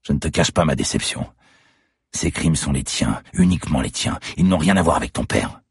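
A man voicing a young masked killer who talks in a slow, taunting, mocking way. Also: a bass voice, expressive, gravelly, slightly rough, dry recording, clean studio sound, voice pushed up, exaggerated voice. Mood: menacing. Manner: sneering, taunting, slow and deliberate.

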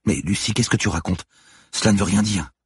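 A man voicing a gentle young woman who asks soft, worried questions. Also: lowish voice, fairly quick, husky, dry recording, clean studio sound, voice pushed up.

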